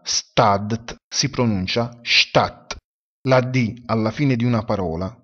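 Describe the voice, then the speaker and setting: A man teaching pronunciation in an unhurried, deliberate way, pausing to sound out each word. His voice sits low and a little husky. The recording is dull and lo-fi. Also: a bit bright. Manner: spells out words slowly and deliberately. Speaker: language teacher. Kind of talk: slow explanatory lesson.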